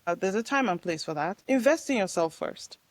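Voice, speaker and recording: Lively woman, emphatic storyteller. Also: a little fast, no room sound. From Nigeria. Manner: emphatic and lively, with sudden pitch jumps. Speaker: guest, real estate investor. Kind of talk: casual interview chat.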